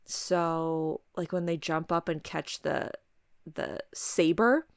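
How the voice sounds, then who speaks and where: A woman hosting a podcast in casual chat, halting as she carefully picks her words and talks around them. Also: low voice, vocal fry, no room sound, studio quality. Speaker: podcast host. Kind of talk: casual podcast chat during a word game.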